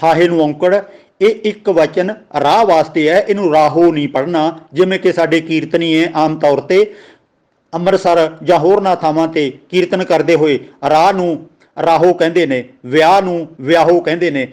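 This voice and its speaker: A man with a Punjabi accent giving a religious grammar lesson, slowly spelling out words and their pronunciation. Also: on the high side, steady tone, a little mellow. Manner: slow, deliberate, spells out words letter by letter. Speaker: teacher of scripture grammar.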